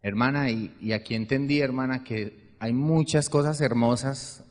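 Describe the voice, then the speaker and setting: A man's voice: medium pitch, normal speed, a little mellow. Earnest man testifying in an echoing hall. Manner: earnest, repeats "hermana" often. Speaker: congregation member. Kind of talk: formal testimony. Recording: long hall reverb.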